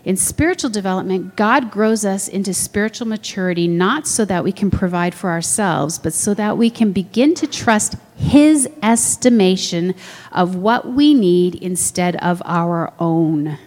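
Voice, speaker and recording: A woman delivers a sermon in a relaxed, conversational way. She checks in with the room and jumps her pitch up to act out the voices she quotes. A long reverb trails her words. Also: measured pace. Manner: conversational, asks the room questions. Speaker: preacher.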